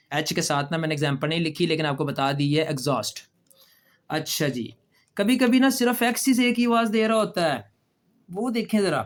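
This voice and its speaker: Guy teaching english to kids, slightly high voice, patient, says words slow and repeats them. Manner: patient, repeats words slowly for children, asks rhetorical questions. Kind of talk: classroom lesson explaining pronunciation.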